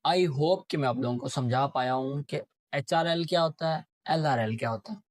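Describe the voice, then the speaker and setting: A man who teaches trading walks through chart reading in a casual way, marking a chart and frequently asking and answering his own questions. His voice is medium-pitched at a normal speed, and the recording is dry.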